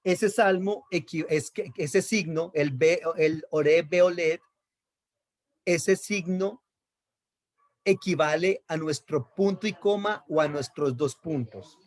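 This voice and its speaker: A man's voice: a little high, slow pace. A man teaching a Bible lesson on Hebrew accent marks, explaining patiently, repeating key terms and checking in with his listeners.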